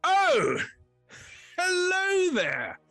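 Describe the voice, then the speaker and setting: A man's voice: extremely high pitch, huge pitch swings, drawn-out words, sharp tone, no room sound, soft background music, voice pushed up, full character voice. A man voicing a lonely, shy talking fort. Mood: welcoming. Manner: politely formal and old-fashioned.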